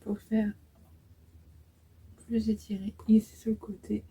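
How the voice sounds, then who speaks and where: Woman, 20s, beauty vlogger. Mellow, slightly breathy voice, casual and hesitant. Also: mid-range voice, little pitch movement, slow pace, poor audio. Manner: chatty, hesitant, many fillers while applying makeup. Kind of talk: casual makeup tutorial.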